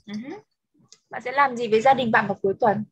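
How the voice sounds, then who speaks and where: A woman teaching an English lesson over a video call, switching between Vietnamese and English and repeating words slowly for dictation. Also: fairly high pitch, breathy edge, dull audio.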